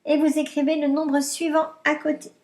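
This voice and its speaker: A woman teaching primary maths, dictating to young pupils with deliberate articulation and repeating herself. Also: high voice, little pitch movement, a little mellow.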